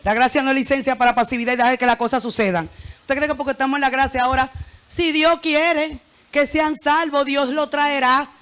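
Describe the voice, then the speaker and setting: A woman pastor preaches to her church, her voice very high-pitched and ringing bright. She keeps the sermon lively, joking and calling on the congregation to repeat her words after her. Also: a little fast.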